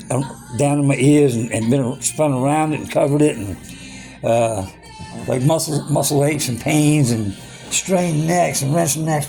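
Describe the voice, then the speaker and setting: A man's voice: medium pitch, vocal fry, a little mellow. A man in his sixties ranting angrily about his medical troubles, swearing constantly and repeating himself as he talks. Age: 60s. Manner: profane, heated, repetitive ranting. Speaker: vlogger. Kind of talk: angry personal rant.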